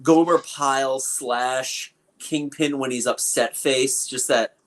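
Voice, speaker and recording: This man, co-hosting a podcast, talks loosely about a movie, full of fillers and personal takes. He speaks slowly in a medium pitch with fairly even intonation and a fairly bright tone.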